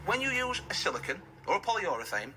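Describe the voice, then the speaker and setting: A man presenting a live home shopping demonstration, explaining step by step with emphatic, instructional selling and a husky voice. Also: high-pitched, very animated, quick pace.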